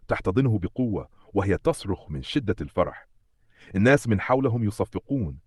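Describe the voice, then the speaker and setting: A man giving a steady, dramatic scripted narration that recaps a comic story. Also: deep voice, breathy edge, no echo, studio quality.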